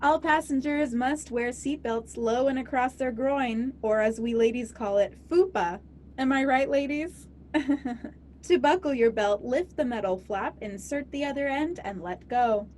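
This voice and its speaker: A woman's voice: on the high side, a little mellow, a little hiss or hum, lightly acted. A woman playing a sassy, wisecracking flight attendant who slips cheeky asides into the safety talk. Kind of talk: comedy sketch acting.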